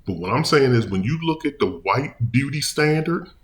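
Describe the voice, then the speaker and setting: A man's voice: medium pitch, lively intonation, normal speed. A man hosting his own video channel, giving casual commentary in a rambling, emphatic way with many restarts. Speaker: vlog host.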